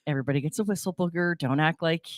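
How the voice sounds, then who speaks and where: A middle-aged woman chats candidly on air in a fairly low voice. There is a faint wheeze through her nose as she talks. The sound is close and dry, and her style is casual and self-mocking. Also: very fast, no echo. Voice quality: slight nasal wheeze. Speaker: talk show co-host. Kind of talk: casual chatty on-air conversation.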